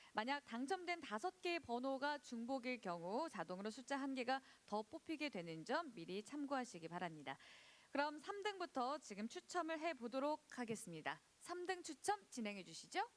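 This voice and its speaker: A woman hosting a live event in a scripted, announcer-like style, presenting like a prize draw host. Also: on the high side. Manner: announcer-like, drawn-out suspenseful prize reveals. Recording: loud music under the voice. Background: loud music.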